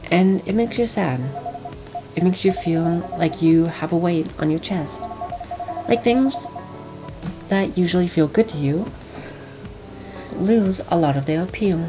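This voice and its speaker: A woman voicing a kind barista who gently explains feelings, reading game dialogue aloud over game music. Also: lowish voice, a little slow, long pauses, lightly acted. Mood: caring.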